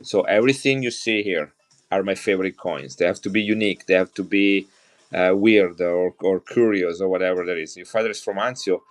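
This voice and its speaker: A middle-aged Italian man with an Italian accent sells coins on a live stream, chatting enthusiastically with viewers as he shows each piece. His voice sits low and moves a little fast in this casual selling talk.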